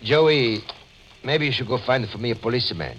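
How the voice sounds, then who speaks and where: A man's voice: mid-range voice, highs cut off, lightly acted. Man doing an anxious italian shopkeeper, swoopy voice, broken english, old noisy radio drama. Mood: worried. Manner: excitable, halting broken English.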